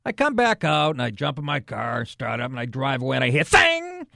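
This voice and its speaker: A man's voice: medium pitch, fast, gravelly, slight background noise. A man co-hosting a radio talk show, telling a comic anecdote casually and acting out the quotes. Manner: animated anecdotes with acted-out quotes and laughs. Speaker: radio show co-host and comedian.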